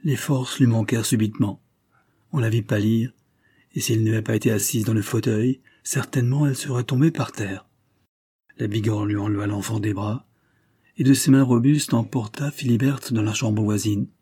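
Un homme lit un roman en livre audio, d'un ton posé et expressif. Sa voix est plutôt grave, sombre et un peu voilée. L'enregistrement est très sec, sans écho. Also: male voice, on the low side, steady tone, moderate pace, mellow, husky, no room sound, studio quality. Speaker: audiobook narrator. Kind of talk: literary audiobook reading.

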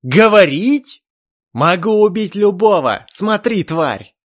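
A man voicing a furious, boastful male elf warrior who croaks and shouts in blunt, choppy bursts, as an audiobook character voice. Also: a little high, expressive, moderate pace, dry recording, clean studio sound, voice pushed up. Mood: enraged.

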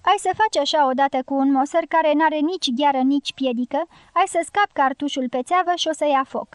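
A steady old partisan guide who speaks plainly and firmly, read by a woman. The voice is high and recorded dry and close. It comes from an audiobook reading. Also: dry recording, natural voice. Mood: stern.

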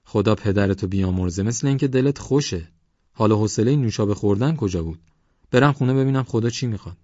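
A man's voice: lowish voice, warm tone, dry recording, highs cut off, pitched above the performer's own voice, close to an everyday voice. A man voicing a grieving older mosque caretaker who speaks tearfully and pleads in an audiobook. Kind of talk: audiobook character voice.

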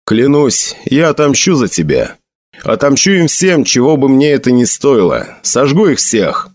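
A young hero in a spoken storybook, grief-stricken and sworn to vengeance, as a male narrator puts him on. His lines rise high and loud, pleading one moment and vowing fire the next. The recording is close and dry. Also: big pitch swings, unhurried, no room sound. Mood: vengeful vow. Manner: pleading then vengeful shouting, raised voice. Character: young man mourning his friend, vowing fiery revenge.

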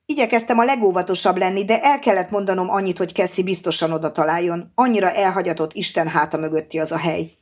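An eager young man speaks with strong feeling, read by a woman. His voice is slightly low and emotional. A plain audiobook reading. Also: few pauses, close to an everyday voice.

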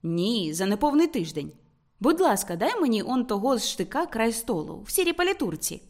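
A woman's voice: fairly high pitch, big pitch swings, brisk, a little mellow. A woman reading as an earnest young working man. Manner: plain, earnest, matter-of-fact. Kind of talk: audiobook character reading.

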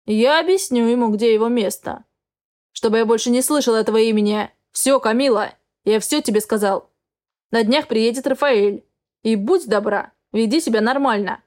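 A woman's voice: fairly high pitch, moderate pace, lightly acted. Stern unbending father, as a woman reads him. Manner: hard, flat, unbending. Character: stern commanding middle-aged father.

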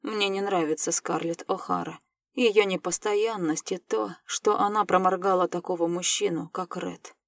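A woman voicing a grown man, a calm time-travelling mentor, speaking in a measured, slightly lowered voice in an audiobook. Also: creaky, no echo, clean studio sound. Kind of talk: audiobook character voice.

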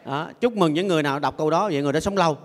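A man's voice: fairly high pitch, racing. An older man, a Buddhist monk giving a playful sermon who has his audience repeat phrases after him. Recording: long echoey hall reverb.

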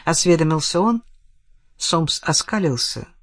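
A woman's voice: low-pitched, expressive, unhurried, no room sound, studio quality. A woman narrating a detective novel as an audiobook reader, voicing the characters in the dialogue. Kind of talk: audiobook reading.

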